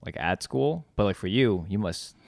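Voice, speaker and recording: A man from the US East Coast hosting a podcast, chatting casually and asking questions in a halting way, often repeating words. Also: on the low side, lively intonation, creaky, a little mellow, no room sound, clean studio sound. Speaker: podcast host. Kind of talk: casual chat.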